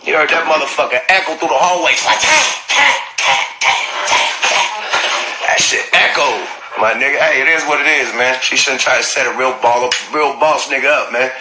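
A man's voice: medium pitch, brisk. A middle-aged man telling stories on a phone livestream, profane and laughing often mid-sentence. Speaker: livestream host. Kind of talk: casual storytelling on a livestream. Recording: roomy, noisy phone livestream.

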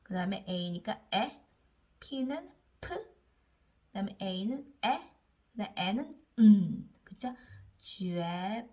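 Slow, lively woman teaching phonics. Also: mid-range voice. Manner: sounds out letters slowly, coaxing repetition. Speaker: English reading teacher. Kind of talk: slow phonics lesson for learners.

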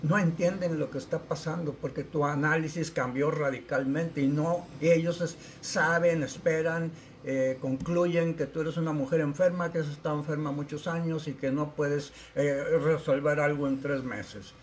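A man who tells patient stories casually on a live stream, acting out the quoted voices and filling pauses with "eh" and "este". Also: on the high side, slight background noise. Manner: animated storyteller, acts out quotes, many fillers. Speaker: alternative health practitioner.

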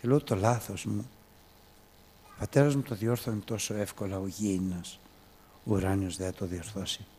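A man preaching a sermon, telling a story with swings from soft to loud. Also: lowish voice, steady tone, pauses often, slight background noise.

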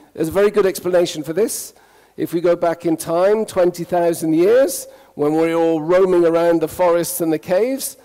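A man's voice: high-pitched, mellow, long reverb tail. A man raised in the UK, giving a humorous conference talk and playfully asking the audience questions. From United Kingdom. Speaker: conference speaker. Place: conference hall.

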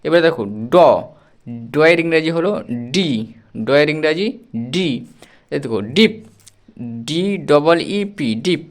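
A man teaching a spelling lesson, slowly repeating and spelling out words letter by letter. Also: fairly high pitch. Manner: slow, repetitive drilling, spells words out letter by letter.

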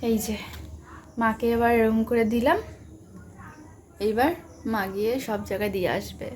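Soft-spoken young Bengali woman vlogger. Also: on the high side, fairly even intonation, moderate pace, slight background noise. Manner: chatty, tag questions to viewers. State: sore throat, talking softly. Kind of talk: casual home vlog narration.

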